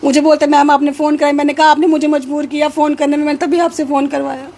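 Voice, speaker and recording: A woman's voice: sits high, little pitch movement, fast, darkish tone, slight background noise. A woman from Katra speaking urgently and insistently about her missing husband. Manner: urgent, insistent, repeats words. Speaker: wife of a missing man. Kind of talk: emotional interview.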